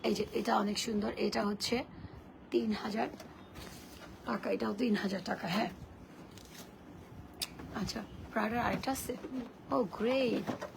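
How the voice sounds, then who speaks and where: A woman with a hoarse voice, worn from shouting, chatting bluntly as she sells bags and sandals on a live stream and reads viewer comments aloud. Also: medium pitch, fairly even intonation, measured pace, pauses often. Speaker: online seller hosting a live sale. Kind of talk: casual live-stream selling. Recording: noisy live-stream audio.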